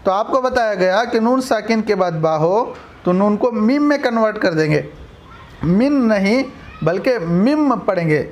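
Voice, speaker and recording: A man teaching a Quran reading class in an Indian Urdu-Hindi accent. He recites letters and syllables slowly and drawn out, then explains the rules more quickly. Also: sits high, expressive. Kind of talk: recorded online lesson.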